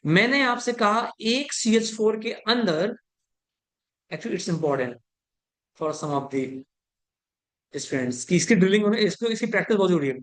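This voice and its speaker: A man's voice: high voice, lively intonation, a little slow, long pauses, a bit bright. Male chemistry teacher giving a classroom lecture. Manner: keeps checking whether students have understood; mixes English terms into Hindi.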